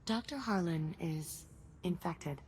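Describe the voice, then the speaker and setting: A woman playing a calm, precise facility aide in a video game, speaking in a measured, formal way. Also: fairly low pitch, slight background noise. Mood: grave, measured.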